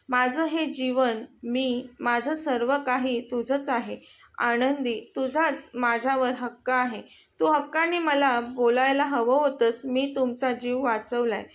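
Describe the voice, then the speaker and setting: A woman voicing a young male company boss who earnestly pleads with the woman he loves. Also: sits high.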